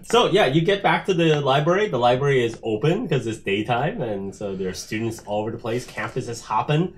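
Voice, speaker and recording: Man, game master, medium pitch, loose conversational narration, table talk. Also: animated, fairly quick.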